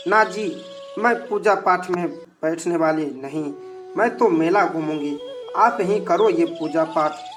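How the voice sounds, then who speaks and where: A narrator voicing a proud young wife who scoffs at worship in a devotional folk story, speaking slowly. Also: medium pitch, music in the background, close to an everyday voice. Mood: dismissive.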